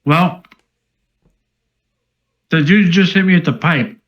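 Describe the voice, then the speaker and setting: A man's voice: high-pitched, takes it slowly, fairly bright tone. Casual man player on a dull mic. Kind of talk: tabletop game chat.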